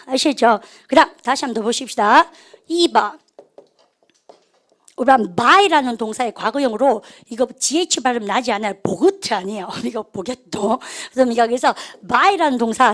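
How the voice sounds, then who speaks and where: A woman's voice: a little high, a bit bright. A woman teaching an English grammar lecture, coaxing students to repeat phrases after her and asking little tag questions. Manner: mixes in playful tag questions.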